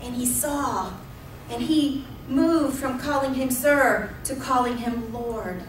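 This is a woman in her thirties preaching a sermon as pastor, using emphatic repetition to tell the story. She takes her time, speaking in a high-pitched voice. The pulpit mic is distant in the church sanctuary, giving roomy, off-mic sound with slight background noise.

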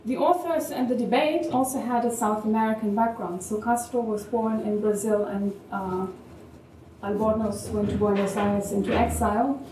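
A woman with a German accent giving measured, thoughtful academic remarks as a panel discussant, with a touch of wry humor. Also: medium pitch, fairly even intonation, warm tone, a little hiss or hum. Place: university event hall. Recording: echoey room, distant mic, faint ambience.

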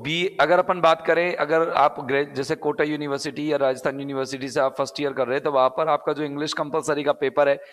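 A man's voice: a little high, a bit bright, long reverb tail. A male English teacher from Rajasthan with a Rajasthani Hindi accent, teaching a live exam-prep class step by step, repeating key words and asking and answering his own questions.

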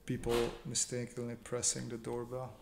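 On his drawing livestream, a man who illustrates reads viewer questions aloud and answers in a casual, informal way. His medium-pitched voice is monotone and creaky, at normal speed. Recorded in a small home room on a desk mic propped on an improvised stand, it carries a roomy echo and faint background noise.

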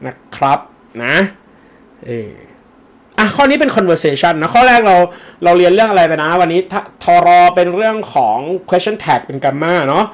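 A man's voice: high-pitched, expressive, moderate pace. Chatty, joking male exam tutor. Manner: chatty and joking, casual slang. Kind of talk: live-streamed lesson answering viewer comments.

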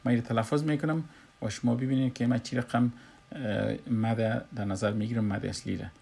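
A man with an Afghan Dari accent teaches Quran recitation in a recorded lesson, explaining slowly and pausing often with "uh". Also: medium pitch, fairly even intonation, vocal fry, darkish tone, husky. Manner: slow, explanatory, with frequent "uh" pauses.

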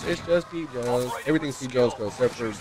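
A man's voice: mid-range voice, quick pace. A male game streamer chatting casually with slangy, profane banter while he plays. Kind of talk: casual gaming chat.

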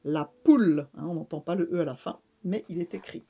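A woman giving a slow reading lesson to young children, stretching and repeating sounds for them. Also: lowish voice, warm tone, lo-fi sound. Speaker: speech therapist teaching reading.

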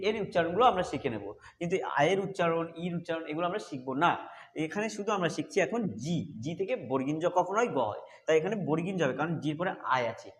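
A man teaching English pronunciation rules step by step, patiently repeating each point. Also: sits high. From Bengal. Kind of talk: explaining a phonics lesson.

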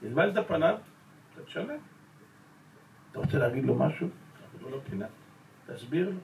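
A male rabbi giving a Torah lesson, pressing his listeners with rhetorical questions and calling them gentlemen. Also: on the high side, expressive, vocal fry, slight background noise. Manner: addresses the audience as gentlemen. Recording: roomy echo, voice from a distance.

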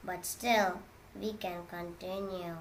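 A woman's voice: fairly low pitch, slow. A woman chatting casually while playing a computer game, playful and making silly sound effects. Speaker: gamer making videos. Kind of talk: casual gaming chat. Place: at a computer, indoors. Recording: steady noise with keyboard clicks.

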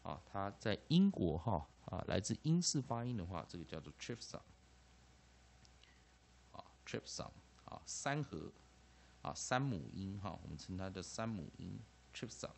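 Lively, low-voiced Taiwanese Mandarin teacher. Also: male voice, a little slow, creaky, a little hiss or hum. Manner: lively, peppers phrases with 'ah' and 'ha', repeats terms. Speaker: English teacher. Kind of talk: classroom-style phonics lecture.

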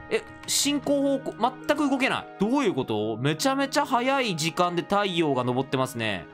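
A man casually commenting on a horror game he is playing, excitable and yelping when scared. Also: high-pitched. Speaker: gaming video host. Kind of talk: casual let's-play commentary.

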